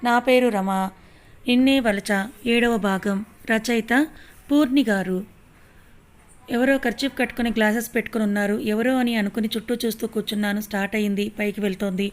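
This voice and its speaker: A woman reading a romance story aloud as storyteller, giving every character the same steady voice. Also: fairly high pitch, brisk.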